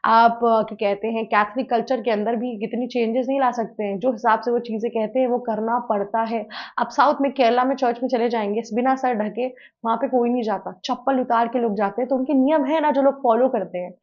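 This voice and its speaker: A woman with a fairly high voice makes her case to camera in an argumentative opinion commentary for a news channel. She keeps pressing the point with rhetorical questions. The recording sounds slightly dull and lo-fi. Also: fairly even intonation, a little fast.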